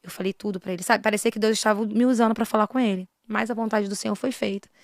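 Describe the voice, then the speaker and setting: A woman who is a missionary and preacher, giving an earnest faith testimony in an interview. She swings between a hushed voice and raised, passionate delivery. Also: mid-range voice, steady tone, fast talker, dry recording, clean studio sound.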